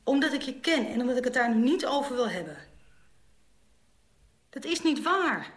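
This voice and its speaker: A woman's voice: high-pitched, sing-song, normal speed, roomy sound, low-quality recording. An actress in a radio play as a young woman on the phone with her mother, fussy, caring and exasperated. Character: young woman alone at home, anxious, caring. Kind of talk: radio drama acting.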